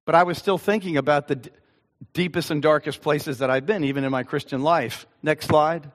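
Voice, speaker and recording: A man's voice: on the high side, steady tone, fairly quick. An older man, a pastor, preaching an earnest, conversational sermon and reading scripture with emphasis. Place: church sanctuary. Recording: long reverb of a church hall.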